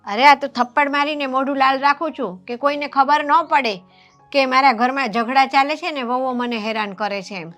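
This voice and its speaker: A woman's voice: sits high, normal speed, a bit bright, faint music behind. A woman playing an elderly mother-in-law troubled by her daughters-in-law, talking in plain rustic village speech and confiding her troubles. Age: older. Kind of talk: Gujarati family drama acting.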